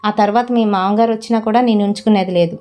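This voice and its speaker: A woman's voice: medium pitch, fairly even intonation, fast talker, a little mellow, close to an everyday voice. Woman doing an angry male boss, threatening, scolding.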